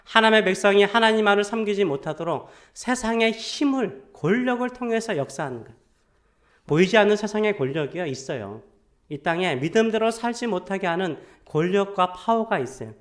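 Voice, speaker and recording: High-voiced male pastor telling a story. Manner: storytelling with frequent questions to the congregation. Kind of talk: sermon.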